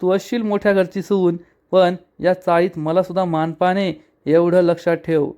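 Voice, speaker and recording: A man voicing a sharp-tongued sister-in-law who taunts and scolds, retold in a serial recap. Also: high voice, level tone, moderate pace, clear, resonant tone, natural voice. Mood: scolding.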